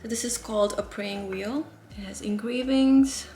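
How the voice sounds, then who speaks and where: A woman, thinking aloud in a relaxed, chatty way as she vlogs from her apartment. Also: fairly high pitch, moderate pace, slight background noise. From Nepal. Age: 30s. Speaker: vlogger. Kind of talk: casual vlog narration. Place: apartment, indoors. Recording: roomy apartment echo.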